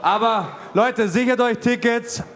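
A man in his forties hosts a fight event interview, talking fluently and building hype for the bout. His voice is pitched notably high for a man. He speaks into a handheld mic at an indoor venue. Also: measured pace, creaky, noisy background. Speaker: host and commentator.

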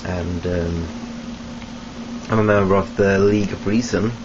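A young Swedish vlogger introduces himself to his webcam from a small room at home, his very low voice flat and measured. He hesitates, with many ums and restarts. The close-range webcam audio is dull and lo-fi, with hiss.

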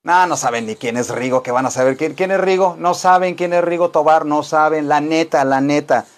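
A man's voice: a little high, a little fast. Playful Mexican man teaching English. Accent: Mexican Spanish. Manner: playful, rambling, teasing asides to viewers. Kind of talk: joking live-stream English lesson.

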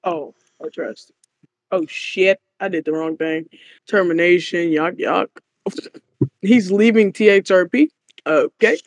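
A man's voice: sits high, slow, no echo. A man in casual voice chat, talking brashly and teasing as the new sheriff of a roleplay server.

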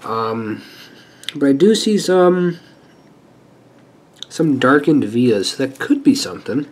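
A repair channel host, a man with a medium-pitched voice, speaks slowly and sounds stuffy from a sinus infection. At an indoor workbench, he works through a hands-on repair in a relaxed, chatty way, thinking aloud as he goes.

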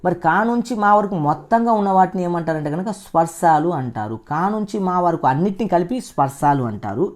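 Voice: medium pitch, lively intonation, fairly quick, a little mellow. A teacher giving an exam-prep lecture, repeating each term and quizzing the listener with frequent "right?" checks. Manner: drills terms by repeating them and quizzing the listener; tags points with "right?" checks.

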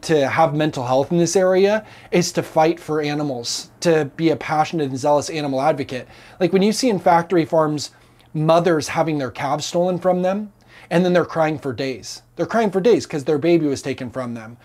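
A man's voice: fairly high pitch, moderate pace, a little mellow. Earnest man preaching to camera. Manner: earnest, emphatic, gesturing widely. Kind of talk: impassioned teaching to camera. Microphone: lapel mic.

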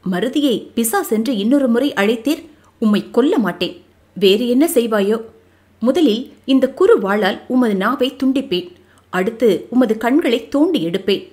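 A woman's voice: on the high side, lively intonation, normal speed, darkish tone, close to an everyday voice. A woman voicing a stern, menacing young male army commander in an audio novel, speaking with a cold threatening tone.

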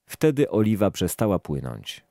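A man reading scripture aloud in a calm, even, measured manner. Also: sits low, creaky, no room sound, clean studio sound. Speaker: scripture reader.

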